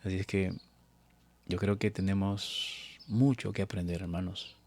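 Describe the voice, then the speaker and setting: A man's voice: sits low, fairly even intonation, unhurried, a little mellow, slight background noise. A man preaching a Bible study sermon on a live stream, earnest and exhortative, often addressing his listeners as brothers.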